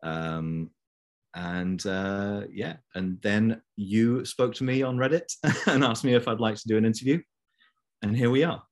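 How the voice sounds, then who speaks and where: Young male guest, low voice, rambling easy chat, video call. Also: a little slow. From Belgium. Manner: chatty, many fillers. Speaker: interview guest. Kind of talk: casual conversation.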